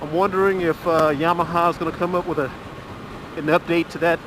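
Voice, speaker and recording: This is a middle-aged motorcycle vlogger talking in a fairly high pitch as he rides along rural roads. His casual, chatty commentary is loose and laid-back, stretched out with filler pauses. Engine rumble, wind, and road noise fill the helmet mic recording.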